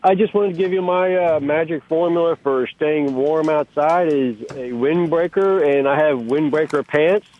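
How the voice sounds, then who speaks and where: A man's voice: a little high, normal speed, few pauses. A man calling a radio show over the phone, casually chatting and often repeating his first words. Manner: repeats words, stumbling starts. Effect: phone line call-in. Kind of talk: casual call-in chat. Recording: tinny phone line.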